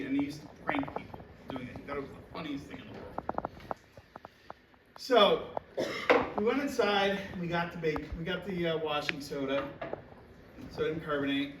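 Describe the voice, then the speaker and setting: A man giving a chemistry demo lecture in a hall, telling a rambling, casual story. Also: a little high. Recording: echoey hall, mic far off, noisy.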